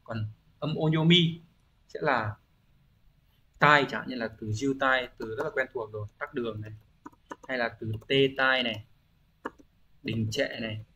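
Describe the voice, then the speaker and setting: A man talks through an exam-review language lesson at an ordinary, mid-level pitch. He explains patiently, keeps checking in with rhetorical questions, and fills pauses with hesitant thinking-aloud sounds. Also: pushed and bright, lo-fi sound, a little hiss or hum. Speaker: Japanese language teacher.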